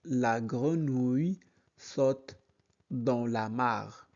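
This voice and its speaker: Very slow, patient male reading teacher. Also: mid-range voice, darkish tone, lo-fi sound. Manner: very slow, syllable by syllable, repeating words. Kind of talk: slow reading lesson, spelling out sounds.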